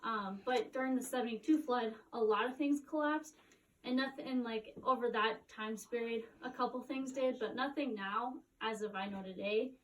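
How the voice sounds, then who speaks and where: Cave guide, woman, high voice, informal explanatory delivery, distant mic inside a cave. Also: normal speed, slight background noise. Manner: casual, frequent "like" and "kind of". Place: inside a cave, speaking to group.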